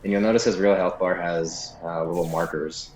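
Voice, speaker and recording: Speaking at a normal speed with fairly even intonation, a man with a deep, somewhat mellow voice narrates an unscripted game walkthrough, often unsure of the details. There's slight background noise, a bit of room echo, and game music beneath him.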